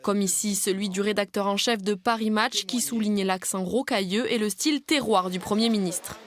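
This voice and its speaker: A woman's voice: mid-range voice, moderate pace. A woman reading scripted narration as a television news reporter.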